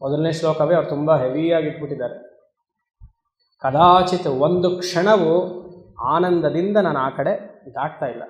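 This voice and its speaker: A man, a swami, giving a spiritual discourse on Vedanta, talking conversationally, asking the listeners questions and chanting Sanskrit verses slowly. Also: fairly high pitch, reverberant, muffled recording. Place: discourse hall.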